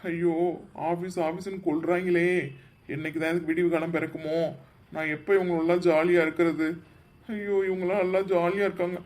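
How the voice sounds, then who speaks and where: A man's voice: high-pitched, flat delivery, fairly quick, darkish tone, natural voice. A man voicing a teasing young man who grumbles about going to the office, in a cartoon. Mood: grumbling. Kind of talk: cartoon voice acting.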